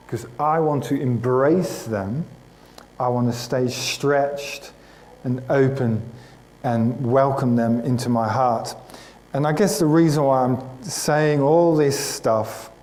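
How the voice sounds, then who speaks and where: A man's voice: medium pitch, slow, darkish tone, rough recording. A man preaching to his congregation, telling a personal story in a chatty, self-mocking way and addressing listeners by name. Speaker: pastor. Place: church hall.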